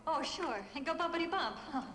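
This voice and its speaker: Exasperated high-voiced woman, echoey noisy vehicle. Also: expressive, a little fast. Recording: echoey, very loud vehicle noise.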